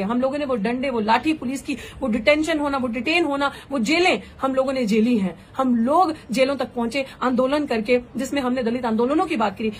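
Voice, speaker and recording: A woman's voice: sits high, slight background noise. A woman activist and candidate giving an impassioned live political address, rhetorical and fervent, slipping English phrases into her speech.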